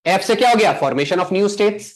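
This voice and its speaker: High-voiced man quizzing exam students. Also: expressive. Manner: quizzing students with rhetorical questions, answering himself; slows to spell out English terms. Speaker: teacher. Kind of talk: exam coaching lecture.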